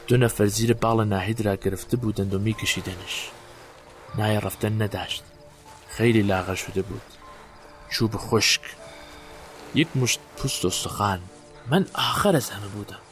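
An actor playing a guilt-haunted man recalling a night burial, in a halting, haunted way. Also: on the low side, soft background music, close to an everyday voice. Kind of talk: audio drama acting.

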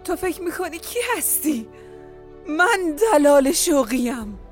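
A man voicing a distraught young actress in a storybook reading, her voice high and trembling. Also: sing-song, a little mellow, soft background music. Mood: furious. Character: distraught young woman, actress, proud then broken.

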